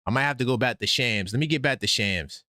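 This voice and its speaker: A man hosting a live sports call-in stream, talking excitedly and breaking in with news for his viewers. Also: medium pitch, quick pace, no room sound, studio quality. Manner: animated, breaks in with updates, talks straight to viewers. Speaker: host of a sports call-in livestream.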